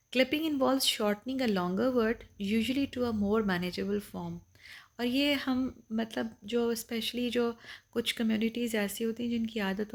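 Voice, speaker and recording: In a lecture on English vocabulary, a woman patiently goes over each point twice and reads the English definitions slowly. Her voice sits at medium pitch and sounds creaky, with a somewhat dark tone.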